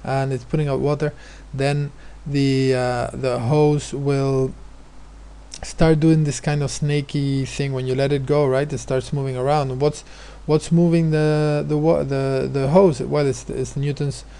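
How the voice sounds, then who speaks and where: Gravelly man teaching physics. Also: mid-range voice, flat delivery, slow, dark tone. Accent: non-American, his remark says so. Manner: hesitant, many fillers and restarts. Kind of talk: explaining exam questions.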